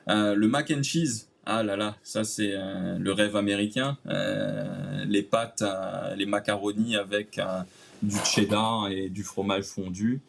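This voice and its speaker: Gravelly low-voiced Réunionese man. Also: level tone, slow, slight background noise. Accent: Réunionese French. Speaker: guest. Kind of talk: casual interview chat.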